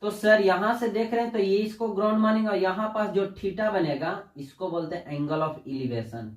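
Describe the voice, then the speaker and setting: A man's voice: sits high, normal speed. A male teacher giving a classroom lesson, calling the students "child" and asking questions he then answers himself. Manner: addresses students as "बच्चा", asks and answers own questions. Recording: echoey room, distant mic.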